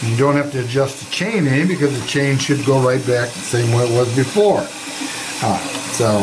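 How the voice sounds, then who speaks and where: An older man, a master plumber, explaining toilet parts in a casual how-to, plain-spoken with frequent pauses and fillers. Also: mid-range voice, noisy background. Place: home bathroom.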